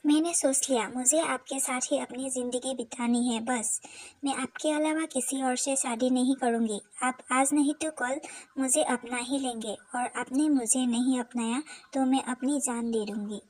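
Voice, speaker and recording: A lovesick young woman fresh out of school pleads through tears in a storybook audio drama, as a woman narrator reads her lines. The voice sits high and sounds husky and breathy, with a close, plain reading tone. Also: fairly even intonation, moderate pace, darkish tone, poor audio. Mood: defiant. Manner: pleading and tearful.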